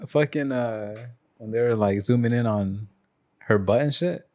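A man's voice: medium pitch, measured pace, darkish tone. A man hosting a podcast in casual, slangy, rambling banter with swearing. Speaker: podcast host.

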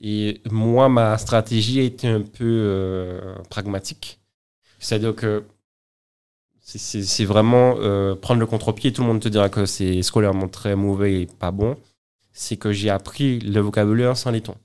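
A man's voice: lowish voice, fairly even intonation, moderate pace, a little mellow, clear, resonant tone. A man speaking as an interview guest in casual conversation, often stumbling over and repeating words as he explains. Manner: hesitant, many repeated words and restarts.

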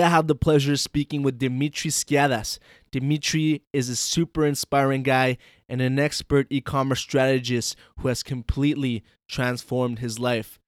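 A man's voice: mid-range voice, smooth, no room sound, studio quality. A man hosting a podcast, laid-back and slangy, calling his guest "bro" and "my man". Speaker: podcast host. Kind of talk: casual interview.

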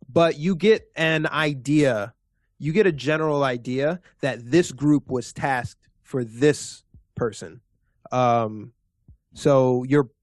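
A man narrates as game master of a tabletop role-playing game, pausing often with fillers. His voice is dry and close, with no room sound, at an ordinary middle pitch. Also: dry recording. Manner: hesitant, many fillers.

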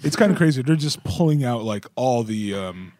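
A relaxed man chatting casually as a podcast co-host, leaning on "like" and "um" as he talks. His pitch moves around a lot from line to line. The sound is dry and close. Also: normal speed, dry recording. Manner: laid-back, lots of fillers and "like". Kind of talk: casual chat.

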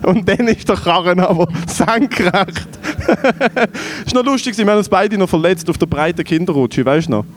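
Swiss German male podcast co-host with a high voice; spins comic anecdotes, laughing as he goes. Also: moderate pace. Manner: laughs through his stories, acts out quoted voices. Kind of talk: comedic storytelling.

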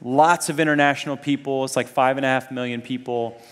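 A man from Zambia and Kenya speaks a little fast in a mid-range voice with fairly even intonation while preaching to students. Earnest and conversational, he often poses rhetorical questions to them. A long hall reverb colors the sound.

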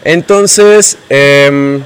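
A young man with a Mexican accent, casually telling his own story as a guest, slangy and animated, acting out the dialogue he quotes. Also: medium pitch, extremely slow, clean tone. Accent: Mexican Spanish.

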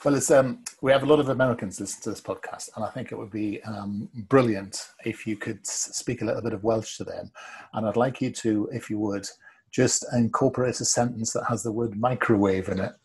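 A man's voice: lowish voice, steady tone, a little fast. A man hosting a podcast, introducing the show and chatting casually as an interviewer.

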